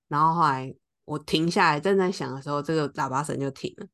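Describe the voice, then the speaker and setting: A woman's voice: low voice, fast talker. A woman, co-hosting a podcast and telling a story in casual chat, acting out the lines of the people in it. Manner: animated, acts out quoted lines. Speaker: podcast co-host.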